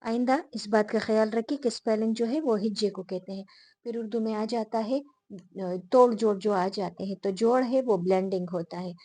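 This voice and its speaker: A woman teacher explaining a lesson to her viewers, repeating the key terms slowly and pausing often with fillers. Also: medium pitch, mellow, no room sound. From Pakistan.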